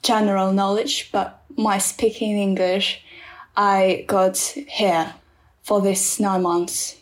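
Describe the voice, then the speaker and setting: Slow, halting Ukrainian-accented young woman. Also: mid-range voice, level tone, poor audio. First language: Ukrainian or Russian. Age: 20s. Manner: careful, halting non-native English with pauses. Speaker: interviewee. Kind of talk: interview answers.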